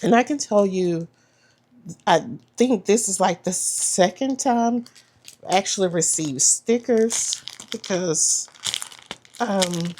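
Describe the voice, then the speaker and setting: Slow, easygoing woman unboxing planner goodies. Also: medium pitch, darkish tone. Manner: chatty, trailing off and restarting, says "y'all". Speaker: planner vlogger. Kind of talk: casual unboxing chat.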